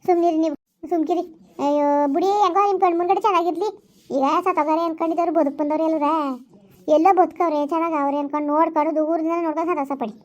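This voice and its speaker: A kindly village woman, played by a woman, coaxes and hushes a friend over and over. Her voice sits high and runs quick. The sound is dull and lo-fi, as in a village sketch drama. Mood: soothing. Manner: coaxing, repeats herself to calm someone.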